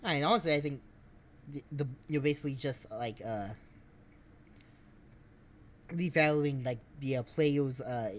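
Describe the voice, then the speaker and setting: A man streaming, giving casual game commentary in a rambling, halting way. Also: mid-range voice.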